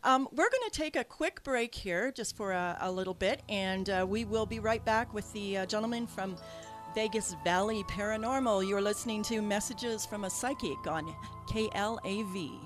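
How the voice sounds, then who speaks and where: Speaking into a studio mic over music, a woman with a Canadian accent hosts a radio talk show as a psychic medium. Her voice is medium-pitched and moderately paced, and she talks casually and chattily, with lots of fillers and restarts.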